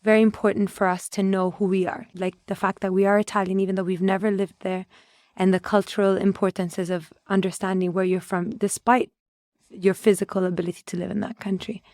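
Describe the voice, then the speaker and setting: An Ethiopian woman appears as a podcast guest; she's a conservation adviser. Her medium-pitched, darkish voice is flat and brisk, with little rise and fall, and the recording is dry and close with no room sound. She answers thoughtfully, often breaking off and restarting words as she hunts for the right phrasing.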